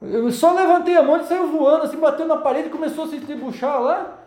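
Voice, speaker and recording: A man's voice: extremely high pitch, quick pace, a little mellow, echoey room. A man preaching a sermon and telling his own story, acting out the voices of demons and people. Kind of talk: sermon testimony.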